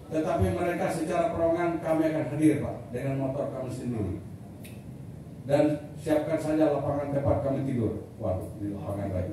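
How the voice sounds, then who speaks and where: Forceful middle-aged man speaking in an echoey hall. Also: on the high side. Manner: emphatic, builds to loud repeated declarations; blunt military-style talk. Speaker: leader of a community organization addressing members. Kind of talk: rallying speech to a meeting. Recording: echoey hall, mic far off, faint noise.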